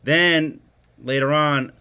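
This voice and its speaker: A man's voice: a little high, fairly even intonation, slow pace, sharp tone, clean tone. A man from Hawaii, a podcast guest, telling jokey stories casually and laughing often. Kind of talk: casual storytelling.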